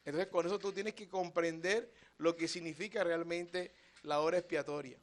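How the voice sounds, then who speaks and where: A man preaching a sermon, emphatic and full of rhetorical questions to his congregation, moving between quiet asides and loud stressed phrases. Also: on the high side, fairly even intonation, normal speed.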